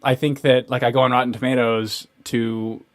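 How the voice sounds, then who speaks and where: A man's voice: medium pitch, level tone, moderate pace. A young man co-hosting a casual podcast, ranting sardonically with many restarts and fillers. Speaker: podcast co-host.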